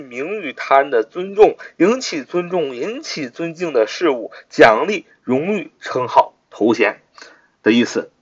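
A man's voice: a little high, husky. A man teaching English vocabulary in a recorded lesson, repeating words and spelling them out letter by letter. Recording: dull lo-fi recording.

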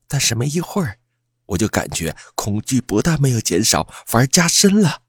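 A man's voice: mid-range voice, very animated, moderate pace, husky, dry recording, clean studio sound. A man narrating a first-person campus ghost story in a suspenseful, dramatic way.

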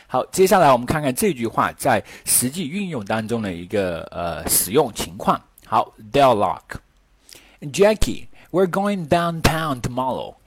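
A man with a slightly husky voice hosts a casual podcast English lesson. He talks in a chatty way, pausing often on fillers, and slows right down to say his English example sentences. The close, dry mic leaves no room sound. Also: fairly low pitch, dry recording. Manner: chatty, many filler pauses, slow careful English examples. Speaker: English teacher, podcast host.

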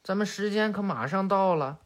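A woman voicing a calm, laid-back grown man with a lowered, quiet voice. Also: normal speed, lightly acted. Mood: impatient.

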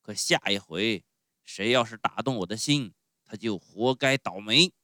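A man voicing a gruff, bearded puppet-show master who blusters loudly but has a soft heart and keeps sneezing. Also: big pitch swings, a little slow, no room sound, studio quality, heavily acted. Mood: grudging. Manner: loud booming scolding with stuttering sneezes.

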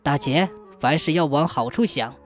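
A woman voicing an upright, kind-hearted young man who speaks in a steady, earnest way in a storybook tale. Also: low voice, normal speed, faint music behind, pitched below the performer's own voice. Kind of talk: storybook narration.

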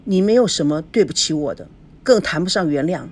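A woman's voice: sits low, animated, fairly quick, a little mellow. A woman voicing a hurt young wife who speaks coldly and curtly. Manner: cold, curt.

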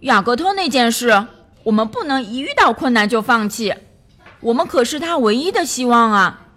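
A woman's voice: on the high side, expressive, normal speed, a bit bright. A woman voicing a good-hearted young male duck who talks in an eager, good-natured way. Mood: earnest.

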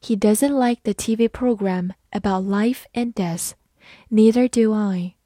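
A woman reading out a scripted English vocabulary lesson, repeating each word slowly and then giving its part of speech and meanings. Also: mid-range voice, dark tone, no room sound, clean studio sound. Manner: slow, deliberate word-by-word drilling.

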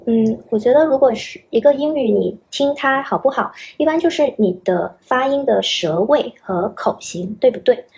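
A woman's voice: a little high, animated, moderate pace, vocal fry, few pauses, a little mellow. A young woman, an English teacher, patiently explaining pronunciation as a podcast guest and demonstrating sounds as she goes. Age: young adult.

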